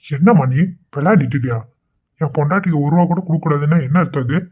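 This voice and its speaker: A man voicing a loving, easygoing young village husband in a cartoon, talking in a soft, coaxing way. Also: a little high, fast, slightly rough, narrow, tinny audio.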